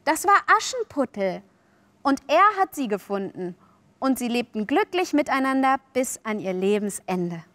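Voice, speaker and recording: An excitable young girl from a storybook, as a woman reader puts her on. She gushes and pleads in a very high, bright voice, her words tumbling out with wonder. The sound is close and dry. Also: unhurried, no room sound. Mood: excited. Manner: excited, high-pitched exclamations.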